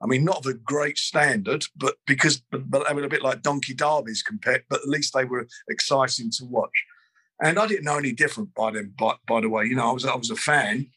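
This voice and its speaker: Older man, husky and close-miked, rambling guest recalling the past. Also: medium pitch, brisk, bright, forceful tone, dry recording, low-quality recording. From London. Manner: rambling, frequent restarts and fillers. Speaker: boxing promoter. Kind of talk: interview, reminiscing.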